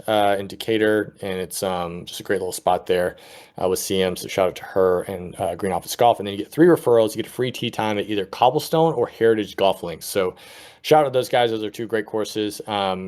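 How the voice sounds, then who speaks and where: Relaxed man co-hosting a golf podcast. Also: lowish voice. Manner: relaxed, rambling. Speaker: podcast co-host. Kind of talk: casual podcast chat.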